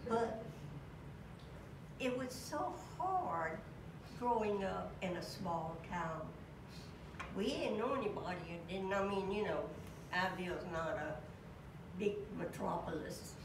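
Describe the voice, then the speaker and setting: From a church pulpit, an older woman delivers a memorial tribute to a classmate, telling stories slowly and warmly with chuckles. Her fairly low voice is animated, and the recording is echoey with a distant mic and room noise.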